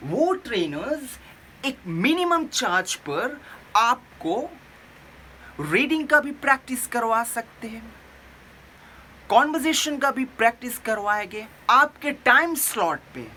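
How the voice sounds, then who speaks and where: A woman's voice: on the high side, big pitch swings, slow pace, bright, forceful tone, a little hiss or hum, low-quality recording. A woman giving an earnest lesson as a teacher, repeating her points and correcting herself as she goes. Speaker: English teacher, runs a tutoring organization. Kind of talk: video lesson with tips.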